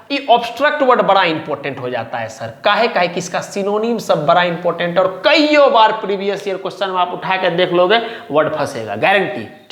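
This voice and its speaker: A male teacher giving a vocabulary lesson. He repeats each word, often checks whether it is clear, and asks and answers his own questions. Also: high voice, a bit bright. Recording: echoey room.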